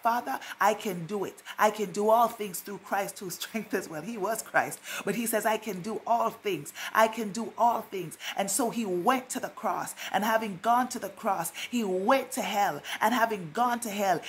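A woman's voice: mid-range voice, slight background noise. Fervent woman preaching with emphatic repetition. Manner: fervent, repeats phrases for emphasis. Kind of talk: sermon.

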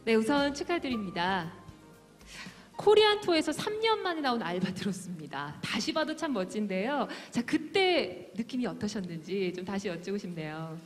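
A woman's voice: mid-range voice, sing-song, normal speed, soft background music. A woman in her thirties co-hosting a formal awards ceremony from a script, speaking into a handheld microphone. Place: large banquet hall stage. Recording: echoey hall PA.

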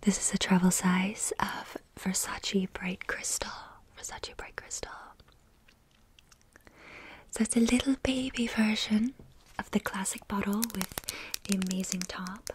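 A young woman whispering in an ASMR style, soft and intimate, close to the microphone, lingering on and repeating words. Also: medium pitch, fairly even intonation, normal speed, breathy edge, rough recording. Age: young adult. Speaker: ASMR video host.

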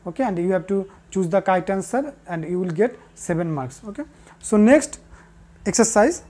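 A woman teaching a class, repeating the key answers and pausing with fillers. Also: mid-range voice, expressive, dark tone. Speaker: English teacher. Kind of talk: recorded classroom lesson.

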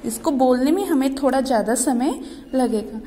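A woman teaching young children Hindi, reading words slowly and asking them to repeat after her. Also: high voice, animated, mellow, long reverb tail, slight background noise. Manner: slow, drawn-out word-by-word reading with repeated questions. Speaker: primary school Hindi teacher.

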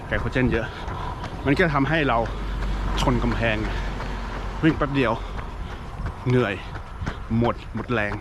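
A man's voice: mid-range voice, a little slow, pauses often. A man giving a casual explanation while running outdoors, speaking in short broken phrases. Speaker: running coach-style vlogger explaining training. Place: outdoors, on the move. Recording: noisy outdoor recording with traffic and ambience.

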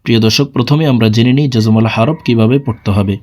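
A man teaching Quran reading, slowly spelling out letters and repeating syllable drills. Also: mid-range voice, fairly even intonation, darkish tone. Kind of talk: step-by-step recitation lesson.

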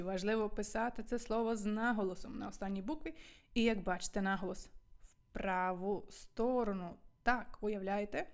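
A woman teaching Italian from home and wearing headphones with a microphone. She speaks in a lively way and asks and answers her own questions. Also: medium pitch. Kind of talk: language lesson to camera.

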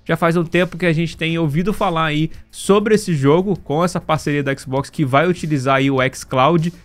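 A man's voice: on the high side, normal speed. A Brazilian man giving casual, slangy gaming news commentary, often checking in with short tag questions. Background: background music.

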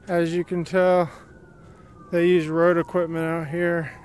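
A man's voice: on the high side, level tone, unhurried, a little mellow, a little hiss or hum. Chatty man hiking a trail. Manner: chatty, plainspoken, rambling. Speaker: vlogger. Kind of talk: casual walking commentary. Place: wooded dirt trail outdoors. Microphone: handheld phone camera while walking.

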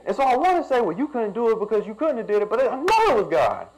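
A young pastor preaches through a personal story, his voice climbing and falling with lively swings of pitch. He sits a little above the usual male range and turns emphatic as the sermon builds. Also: quick pace, poor audio.

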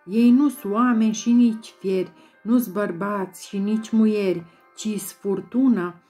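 A woman's voice: mid-range voice, steady tone. A woman giving a dramatic, rhythmic poetry recitation, chanting repeated words in an incantatory way. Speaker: volunteer poetry reader. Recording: soft music bed behind voice.

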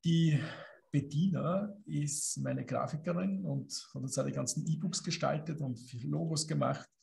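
Austrian man, host, brisk, very gravelly voice, slightly higher pitch. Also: darkish tone. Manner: brisk, managing the show. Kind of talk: live stream hosting. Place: studio room with concrete wall.

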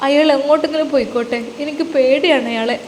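Brief: woman voicing fearful young pregnant wife, tearful pleading, raised pitch, roomy faint hiss. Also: steady tone, fast, darkish tone, natural voice.

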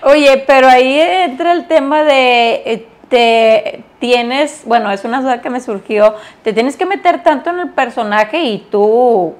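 Woman host, fairly high voice, listens and asks questions. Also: unhurried, hardly any pauses. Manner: attentive, asks questions, short agreements. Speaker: interview host. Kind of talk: casual interview chat.

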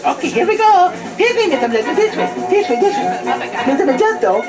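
A silly clown puppet chatters in a very high, wildly swinging voice. It is bumbling, eager and childlike, with broken English, over loud music at a live puppet show. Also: female voice, big pitch swings, fast. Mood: excited, scolding. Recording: music playing, room camcorder recording.

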